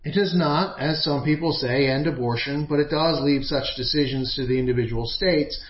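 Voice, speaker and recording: A man delivering a sermon as a preacher, with measured, emphatic phrasing and deliberate pauses. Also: a little high. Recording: echoey room, slightly dull sound.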